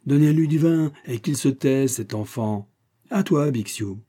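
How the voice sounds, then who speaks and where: A man's voice: mid-range voice, measured pace, dark tone, pitched above the performer's own voice, lightly acted. A man reading the part of a clowning male caricaturist at a rowdy dinner in an audiobook, theatrical and mocking.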